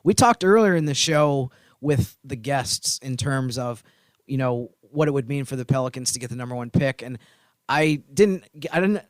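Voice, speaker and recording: A man co-hosting a sports podcast as a team reporter chats casually in an earnest, easygoing way, saying "you know" often. His mid-range voice is animated and moves at normal speed, with no room sound.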